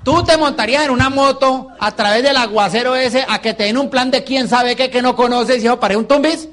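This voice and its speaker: A man's voice: very high-pitched, fairly quick, fairly bright tone. A man with a Colombian accent giving a motivational business seminar, playful and peppering the audience with rhetorical questions. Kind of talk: live motivational seminar talk.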